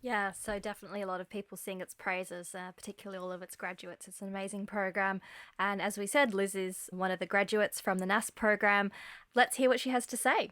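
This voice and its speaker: A woman's voice: medium pitch, little pitch movement, fairly quick, fairly bright tone. A woman co-hosting a science podcast, steering the talk in a friendly casual way and introducing her guest. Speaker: podcast co-host.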